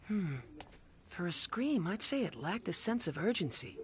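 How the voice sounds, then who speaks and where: A man's voice: sits high, very animated, moderate pace, fairly bright tone. An actor voicing an aloof young male companion in a video game, speaking in a dry, detached way. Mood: wry.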